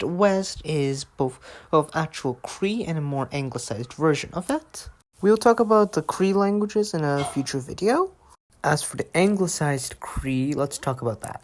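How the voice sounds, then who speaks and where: A woman's voice: low voice, darkish tone, low-quality recording. A woman hosting a casual narrated explainer video, often repeating and restarting words as she reads along. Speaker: video host.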